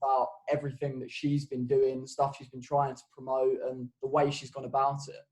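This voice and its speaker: A man from England co-hosting a casual podcast, relaxed and asking the guest questions. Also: medium pitch, fairly quick, poor audio. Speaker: podcast co-host.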